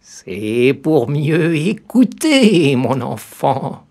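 A man voicing a wolf who fakes a sweet old grandmother's voice in a fairy tale, in a drawn-out syrupy falsetto. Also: big pitch swings, mellow, full character voice. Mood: sugary.

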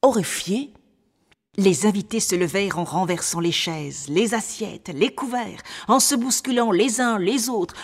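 Slow measured woman storyteller. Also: mid-range voice. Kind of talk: fairy tale reading. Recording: long hall reverb.

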